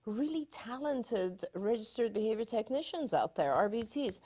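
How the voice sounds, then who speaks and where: A middle-aged woman from Iran, hosting a live show and chatting casually in an upbeat, rambling way with quick restarts. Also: on the high side, animated, dark tone. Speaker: psychologist and show host. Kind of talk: casual live-stream chat.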